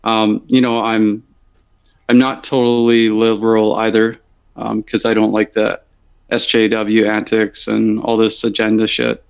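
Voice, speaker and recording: A man's voice: on the low side, monotone, unhurried, vocal fry, clear, resonant tone. A man talking bluntly and with strong opinions in a casual group discussion.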